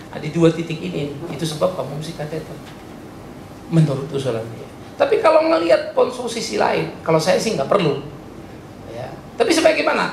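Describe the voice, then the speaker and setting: A male pastor preaches a lively sermon, his pitch leaping from murmured asides to loud bursts. His voice has a gravelly edge. It rings in a roomy church hall with faint background noise. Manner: animated, swinging from soft asides to loud high exclamations; chatty, joking, mixes in English words.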